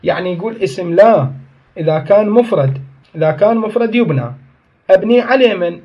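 High-voiced man teaching grammar. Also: animated, fairly quick, breathy edge, muffled recording. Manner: explains step by step, asks and answers his own questions; corrects himself mid-sentence. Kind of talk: classroom grammar lesson.

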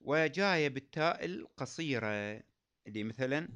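A man's voice: mid-range voice, expressive, a bit bright, clean tone. A man teaching a lesson on recitation rules, explaining patiently and repeating key phrases, in a dull lo-fi recording. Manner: chants quoted verses slowly.

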